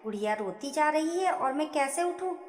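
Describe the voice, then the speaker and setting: A worn-out young mother pleads softly, voiced by a woman narrator, her voice fairly high and lilting. The reading rings in an echoey room with a long reverb. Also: animated, normal speed. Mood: weary. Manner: soft, pleading.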